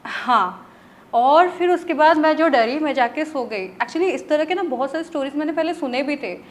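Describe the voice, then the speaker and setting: A woman's voice: high voice, animated, normal speed. A woman from Odisha, a tarot reader and interview guest, tells a story in a chatty way, mixing in English words and checking in with her listener. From Odisha, India.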